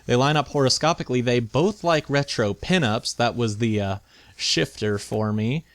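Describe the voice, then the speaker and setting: A man's voice: medium pitch, normal speed, no room sound. A man giving casual, chatty video game commentary, thinking aloud with playful mock indignation as he hosts. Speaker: video game let's play host.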